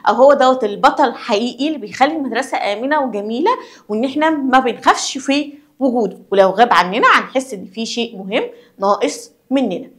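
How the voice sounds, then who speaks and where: A woman's voice: on the high side, fast talker. Egyptian woman teaching young pupils. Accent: Egyptian Arabic. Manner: asks the class questions and answers them herself. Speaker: primary school teacher. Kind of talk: lesson explanation for children.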